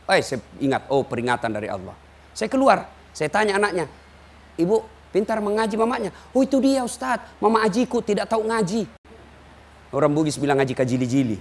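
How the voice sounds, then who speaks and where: A man from Sulawesi with a Makassar Indonesian accent, preaching an animated, joking sermon and acting out little dialogues. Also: high-pitched. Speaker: Islamic preacher. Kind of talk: humorous sermon.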